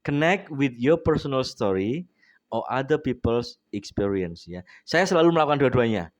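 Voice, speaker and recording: A man's voice: mid-range voice, animated, normal speed, no echo. Indonesian man teaching with a runny nose. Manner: mixes Indonesian and English, frequent tag "ya". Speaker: English teacher. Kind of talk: bilingual speaking lesson.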